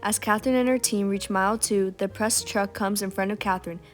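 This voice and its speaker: A woman reading scripted documentary narration in a steady, read-aloud way. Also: mid-range voice, moderate pace, soft background music.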